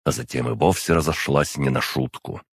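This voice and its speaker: A man narrates a first-person audiobook in a measured, even way. His voice is very deep and gravelly, with a husky edge. The recording is dry and close, with no room sound. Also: dry recording.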